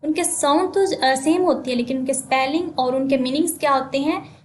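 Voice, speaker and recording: A woman teacher giving a class lesson, explaining slowly, asking the class questions and spelling words letter by letter. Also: high-pitched, slight background noise.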